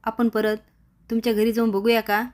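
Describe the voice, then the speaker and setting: A woman voicing a calm, loyal male assistant who soothes his boss respectfully. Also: on the high side, normal speed, natural voice. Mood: soothing.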